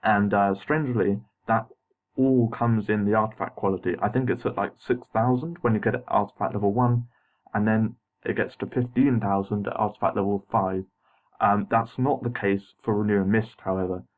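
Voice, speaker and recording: A man's voice: lowish voice, fairly even intonation, moderate pace. A young man with braces slightly muddying his words, giving hesitant, apologetic, casual gaming commentary as an unscripted voice-over. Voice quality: slightly muffled articulation from wearing braces. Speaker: gameplay video narrator. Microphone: voice-over recorded over game footage. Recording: muffled phone-like home voice-over.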